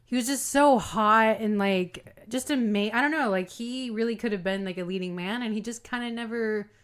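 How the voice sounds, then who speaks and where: A woman's voice: a little high, normal speed. Gushing, chatty female co-host. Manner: gushing, enthusiastic, heavy use of "like". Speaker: podcast co-host. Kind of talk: casual chat.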